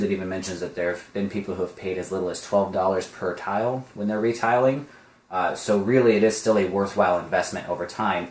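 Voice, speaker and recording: A man casually demonstrating and explaining a product, chatty, with lots of ums and uhs. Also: low-pitched. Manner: explanatory, filler-heavy, chatty. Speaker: product reviewer. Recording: echoey room.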